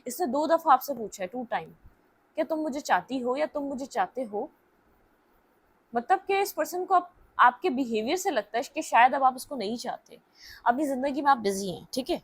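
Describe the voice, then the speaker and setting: A woman's voice: high-pitched, animated, moderate pace, husky. A young woman giving a casual tarot reading to her viewers, talking things through and checking in with frequent "okay"s. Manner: talkative, keeps checking in with "theek hai", mixes English words. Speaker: tarot reader.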